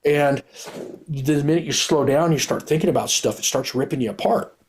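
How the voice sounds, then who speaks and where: A retired police officer and author, appearing as a guest, candidly tells his story in an earnest, rambling way, often correcting himself and restarting. His male voice sits on the high side at normal speed, with a little hiss or hum in the audio.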